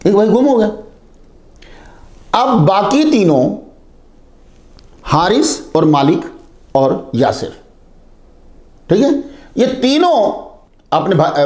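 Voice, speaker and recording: A religious teacher with a high-pitched, slightly mellow voice lectures his students in an echoey room. He asks rhetorical questions and answers them, repeating key terms to explain them.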